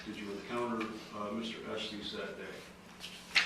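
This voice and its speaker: A man cross-examines a witness in a courtroom, pressing and repeating her answers back to her with "uh" pauses between questions. He sounds far from the mic in a heavily echoing room. A clear hiss of noise runs under his voice. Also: fairly low pitch, flat delivery. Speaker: prosecutor. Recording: echoey courtroom audio from far off, noisy.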